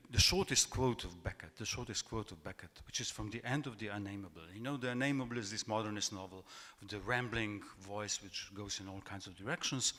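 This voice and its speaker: Bright-voiced man lecturing in an echoey hall. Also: on the low side. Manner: halting, repeats words, many fillers. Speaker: academic speaker. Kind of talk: academic lecture.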